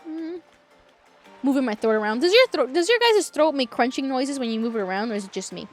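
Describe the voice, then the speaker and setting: Female game streamer, high and very animated, chatty and playful, touch of vocal fry, music behind. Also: a little fast. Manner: playful, chatty, reacting to viewers. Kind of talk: casual livestream chat over gameplay.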